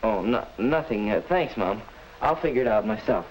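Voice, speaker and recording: A man's voice: lowish voice, animated, normal speed, natural voice. A man acting as an earnest, polite young student in a 1950s educational film, thinking things through aloud. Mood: pondering. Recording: crackly old 1950s film soundtrack.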